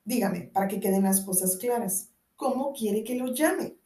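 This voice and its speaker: A woman's voice: mid-range voice, moderate pace, warm tone, recorded from a distance, lightly acted. A woman reading the lines of a drowsy young female employee who is politely teasing her boss, in an audiobook with a roomy echo. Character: sleepy young woman employee, dry and cheeky.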